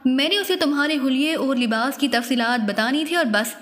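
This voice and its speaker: In a spy audiobook, a woman narrator voices a captive female spy who is wounded and fearful, speaking in a high, fairly bright voice at normal speed. The spy pleads fearfully in a confessing mood, and a long hall reverb trails each line.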